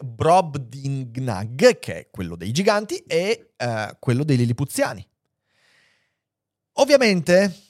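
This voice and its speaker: Male channel host, mid-pitched, very lively delivery, casual lecturing and reading aloud, dry close recording. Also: no room sound. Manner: animated, expressive, shifting pace and loudness freely. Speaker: host of a philosophy and literature channel. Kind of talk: casual spoken lecture with read-aloud passages.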